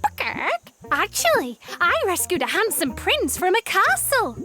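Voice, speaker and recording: A woman voicing a cheerful, imaginative young female ostrich with a bright, eager and chirpy manner in a cartoon. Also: extremely high pitch, huge pitch swings, measured pace, faint music behind, full character voice.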